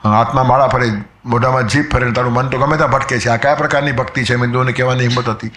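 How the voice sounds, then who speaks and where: A man delivers a spiritual discourse in a storytelling manner. He quotes old verses and sometimes acts out the voices of people in his anecdotes. His voice sits at a middle pitch and carries a roomy echo. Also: fairly even intonation, rapid-fire, fairly bright tone. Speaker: spiritual speaker.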